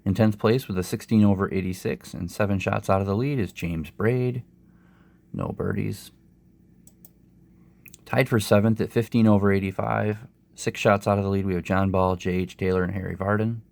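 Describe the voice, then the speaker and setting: Low, gravelly, unhurried man with a cold. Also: steady tone, a little mellow, no room sound. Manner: low-energy, unhurried delivery. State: sore throat and summer cold, clearing throat. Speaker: host of a sports gaming channel. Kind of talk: casual play-by-play narration of a golf simulation.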